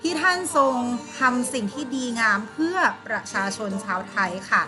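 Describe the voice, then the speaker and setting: A woman's voice: high-pitched, very animated, normal speed, music in the background. A woman teaching an online primary school class, patiently explaining and asking her pupils questions. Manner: patient, coaxing, asks pupils questions and answers them herself.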